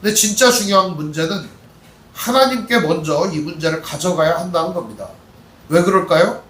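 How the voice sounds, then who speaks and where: A man's voice: high-pitched, animated, normal speed, a bit bright, echoey room, far from the mic. A man with a Chungcheong accent preaching an expository sermon as pastor, talking conversationally and asking the congregation questions.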